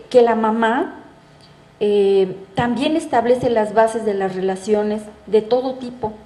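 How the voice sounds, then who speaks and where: A woman's voice: mid-range voice, mellow, echoey room, rough recording. A middle-aged woman, a psychoanalyst giving a public talk in a conversational way, often checking in with the audience through rhetorical questions. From Mexico. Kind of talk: public lecture. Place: bookstore event space.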